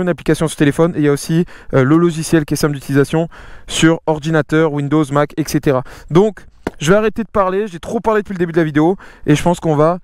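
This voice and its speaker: A man's voice: fairly high pitch, darkish tone, clear, resonant tone, dry recording, studio quality. A man presents gear in an offhand vlog style. He is slangy and sweary, and hesitates as he explains things. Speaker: vlogger presenting a camera. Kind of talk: casual hands-on product presentation.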